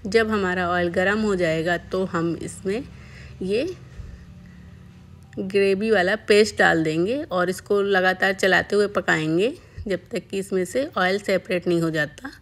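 A woman calmly narrating a home cooking tutorial step by step as a voice-over. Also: mid-range voice, unhurried. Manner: calm step-by-step explaining. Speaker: cooking channel host.

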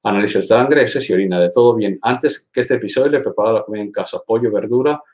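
A man's voice: fairly low pitch, fast, darkish tone. A man working as a veterinarian, reading out viewer questions on a live stream and answering them in a casual, direct way, often repeating words and saying "eh" and "te digo".

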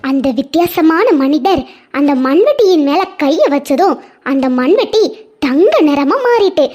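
A woman narrates a cartoon moral story with a Kanyakumari Tamil accent. Her voice is very high and light. She tells it simply, like a storybook. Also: lively intonation, measured pace, a little mellow, soft background music.

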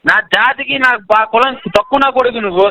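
A male caller with a very high, bright voice argues hotly over the phone. He loops the same insults again and again at a quick pace. The sound is dry. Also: dry recording, rough recording. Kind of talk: heated phone argument.

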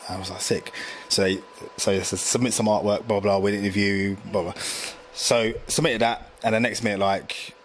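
A man, telling stories in a slangy, animated casual chat full of fillers. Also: lowish voice, moderate pace, few pauses, slight background noise. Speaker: graphic designer guest.

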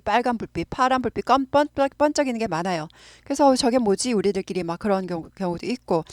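A middle-aged woman who teaches English, explaining phrases in Korean and repeating them slowly for practice. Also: a little high, no room sound, clean studio sound.

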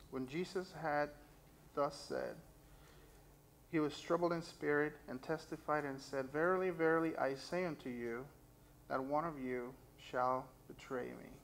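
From the pulpit of a church sanctuary, a young man with a mid-range, somewhat bright voice offers an earnest testimony and reads passages of scripture aloud. The recording, made through a stand mic and a distant camera, is poor and has a light hiss or hum.

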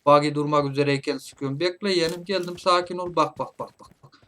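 A man commentating his own mobile shooter gameplay, playfully taunting opponents and calling them nephew, with bursts of loud shouting. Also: a little high, steady tone, fast talker. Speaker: gameplay streamer. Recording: game gunfire loud behind voice. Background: gunshots and clicks from the game.

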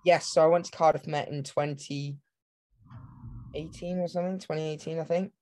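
Casting: young man in his 20s from Hong Kong, flat delivery, rambling and eager, webcam call sound. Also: on the high side, moderate pace. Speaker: guest, professional runner. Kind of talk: casual interview. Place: home room. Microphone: video call webcam.

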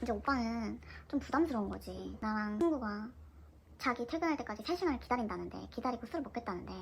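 Young woman in her 20s spilling a story, kinda high voice, lively and chatty. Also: fast talker, vocal fry, a little hiss or hum, rough recording. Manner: chatty, animated retelling of her own story. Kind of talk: casual storytime narration.

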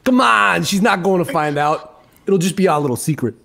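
A man's voice: high-pitched, animated, moderate pace, gravelly, bright, forceful tone, full character voice. A man playing a sarcastic, blunt teenage girl with a Brooklyn accent in a comedic script reading. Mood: coaxing. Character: snarky rebellious teenage girl.

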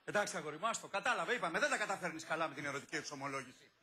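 An actor playing an exasperated, patronizing friend who keeps brushing off a clumsy lover, in an old film comedy. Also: male voice, fairly high pitch, lively intonation, background noise, lightly acted. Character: exasperated, patronizing adult male advisor. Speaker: friend giving advice.

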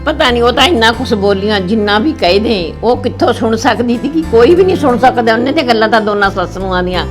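An older woman with a Punjabi accent complains and laments in a village family drama. Her pitch swings widely from high to low, and soft music plays under her voice. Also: expressive, quick pace. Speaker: mother.

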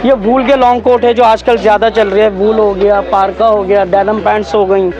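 A man, a shopkeeper eagerly pitching his goods in a busy market shop. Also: fairly even intonation, dull audio. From Pakistan. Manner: eager, rapid salesman patter. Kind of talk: sales pitch to camera. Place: crowded clothing market shop, indoors.

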